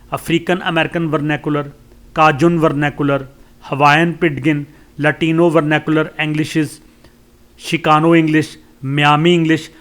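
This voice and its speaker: A man with a Pakistani accent teaching a lesson. He reads English lines slowly, then explains them at length with many hesitations. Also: a little high, a bit bright. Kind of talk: lecture explaining a course text.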